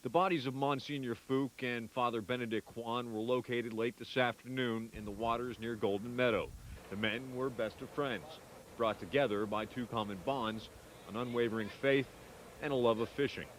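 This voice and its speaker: A man's voice: medium pitch, fairly even intonation, moderate pace, a little hiss or hum, low-quality recording. A man narrating a scripted television news report.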